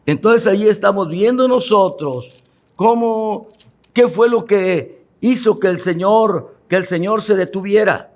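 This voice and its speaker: In a church, a male pastor with a high voice and darkish tone preaches fervently. He repeats phrases for emphasis, addresses the listeners directly, and draws out key words slowly.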